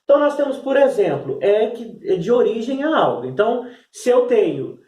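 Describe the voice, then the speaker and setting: A man's voice: sits high, sing-song, moderate pace, mellow, echoey room, far from the mic. A man teaching a class, explaining step by step and checking in with "né?" as he goes. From Brazil. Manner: explanatory, repeats "né?" and "então". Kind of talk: recorded class lesson.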